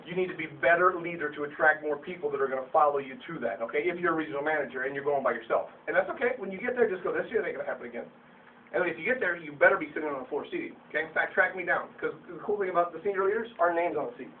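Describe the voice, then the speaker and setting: High-voiced, fast-talking man coaching from afar. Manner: blunt, emphatic, stumbles over restarts, gets fired up. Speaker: sales leader coaching his team. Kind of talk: motivational Q&A talk. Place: meeting room with an audience. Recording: distant, tinny, faintly hissy camera audio.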